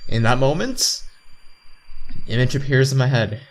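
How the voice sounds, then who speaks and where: A man plays through a visual novel as a let's player, reading its text aloud, tripping over lines, repeating words, and tossing in joking asides. His medium-pitched voice is expressive and measured in pace. The audio is poor, with game music playing behind him.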